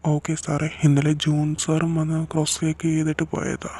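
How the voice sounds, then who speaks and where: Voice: medium pitch, monotone, normal speed, dark tone. A speaker acting out dialogue in an audio drama story, in a casual, conversational way. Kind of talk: acted dialogue in a fan-fiction audio story.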